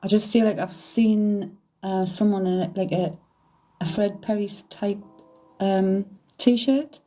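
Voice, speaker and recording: Chatty woman with a mellow voice. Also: medium pitch, fairly even intonation. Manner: chatty, halting, hedging with "I feel". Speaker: medium. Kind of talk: spirit reading to an audience.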